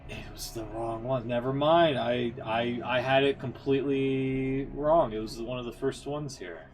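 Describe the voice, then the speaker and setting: A medium-pitched man speaking a little slowly hosts a gaming livestream with background music. His commentary is casual thinking aloud, sprinkled with muttered asides.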